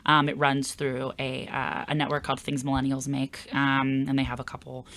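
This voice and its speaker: A woman's voice: rumbling low, completely flat delivery, normal speed, fairly bright tone. A woman comedian from the Philadelphia area, chatting casually as a podcast guest with many fillers and restarts.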